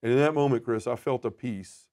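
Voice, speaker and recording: A man telling his personal testimony as a podcast guest, earnest and emotional, often dropping to a soft, quiet voice. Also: mid-range voice, a little fast.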